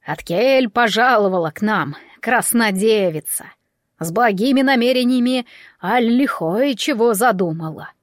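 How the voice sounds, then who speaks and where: A woman voicing a blunt, clever male warhorse with gruff, folksy old-fashioned speech, in an audiobook. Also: a little high, animated, a little slow, dry recording, studio quality. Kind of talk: audiobook character voice.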